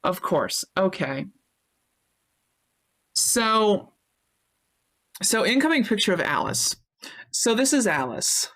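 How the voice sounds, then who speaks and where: A Twitch streamer talks casually on a live stream, reading chat messages, thanking her viewers and swearing freely. Her mid-range voice is very animated and a bit bright, and she speaks slowly with frequent pauses.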